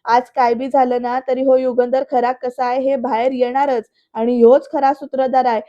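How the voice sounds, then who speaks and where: A woman's voice: sits high, level tone, warm tone, lo-fi sound, lightly acted. Woman reading as a defiant rustic man. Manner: rustic village speech, slow and emphatic. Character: defiant middle-aged man accusing his brother.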